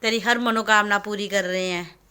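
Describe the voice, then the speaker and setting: A woman, chatting in a devotional home vlog and filming on her phone, coaxing and warm toward her viewers. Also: mid-range voice, steady tone, normal speed. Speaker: vlogger. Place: indoors in a home. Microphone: handheld phone camera.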